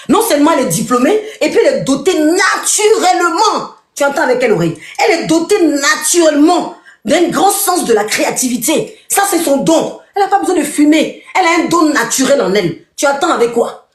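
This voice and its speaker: Woman, mocking live rant, highish voice, roomy echo. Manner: mocking, repetitive, addresses a rival directly. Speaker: online commentator.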